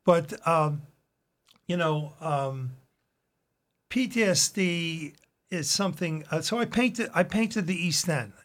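Older veteran man, remembering, fairly high voice. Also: takes it slowly, pauses often, fairly bright tone. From Long Island, New York, USA. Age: 70s. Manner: old veteran remembering his service. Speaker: guest, retired veteran and painter. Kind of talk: personal recollection in a radio interview.

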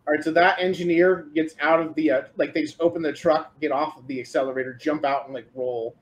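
A man's voice: fairly high pitch, fairly even intonation, fairly quick. Laid-back man running a tabletop game. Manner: casual, loose, lots of "like". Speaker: game master.

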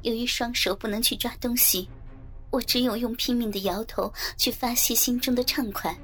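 A woman narrating an erotic audiobook in the first person, reading in a soft, even, intimate way. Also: a little high, normal speed, soft background music.

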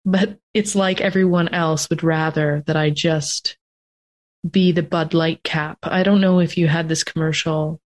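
A woman from North America hosts a casual interview podcast in a somewhat low voice. She is reflective and thinks aloud in long sentences. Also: fairly even intonation, measured pace. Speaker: podcast host.

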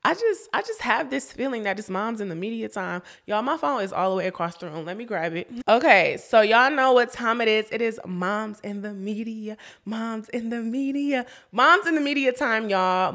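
A woman's voice: on the high side, lively intonation, moderate pace, few pauses, fairly bright tone. A young woman hosting a casual podcast for moms, chatty, often laughing and calling her listeners y'all. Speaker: podcast host.

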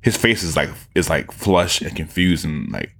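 A man giving casual, animated commentary on podcast clips, mocking and often jumping into high voices to impersonate people. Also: moderate pace, creaky, breathy edge.

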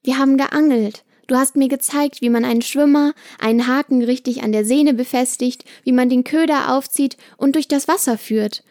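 A young woman voicing a gentle, loving granddaughter who pleads earnestly with her grandfather. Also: high voice, fairly even intonation, normal speed, few pauses, no room sound, clean studio sound.

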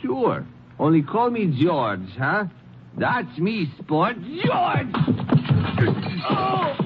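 An actor playing a breezy, flustered fellow with a drawn-out, exclamatory delivery in an old radio drama. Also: male voice, sits high, huge pitch swings, over loud music, exaggerated voice. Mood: flustered bravado. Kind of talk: 1950s radio drama acting. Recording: dull old radio recording.

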